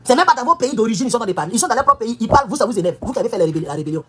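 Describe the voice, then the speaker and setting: Woman, high husky voice, impassioned political rant, scolding rhetorical questions. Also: expressive, rapid-fire. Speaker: political commentator. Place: United States.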